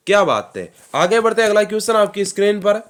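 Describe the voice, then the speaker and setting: A man teaching an online exam-prep class, energetic, quizzing the students and answering his own questions with lots of praise. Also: high voice, fast. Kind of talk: live online quiz class.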